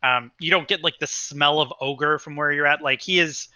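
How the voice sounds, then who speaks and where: Dude running a tabletop game, rambly and chill, really bright voice. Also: male voice, on the high side, normal speed, dry recording. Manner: casual, rambling, many fillers. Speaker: game master.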